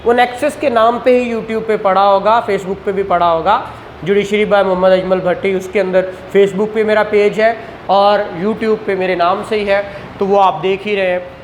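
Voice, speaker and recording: With a voice that sits high, fairly even intonation and a moderate pace, a Pakistani man gives a law lecture. He answers his own questions and drops in English legal terminology, recorded in a room with a whiteboard that has a roomy echo and slight background noise.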